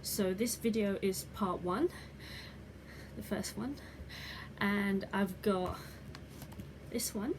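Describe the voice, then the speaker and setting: Woman, channel host, casual chat, slow delivery, mid-range pitch, noticeable background noise. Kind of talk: casual introduction to bedtime reading video. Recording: clearly noisy background ambience.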